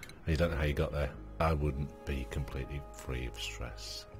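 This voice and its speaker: A man with an extremely deep, low voice talks his way through a game in a loose, rambling style. He fills his pauses with ums and uhs and chats to his on-screen characters. Quiet game music plays faintly under him. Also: fairly even intonation. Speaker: gaming channel host. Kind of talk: let's play commentary.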